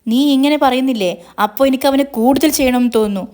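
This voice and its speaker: A woman performs a menacing male villain, a gloating kidnapper who taunts and threatens over the phone with a mocking edge. She uses a natural, somewhat high voice at a moderate pace.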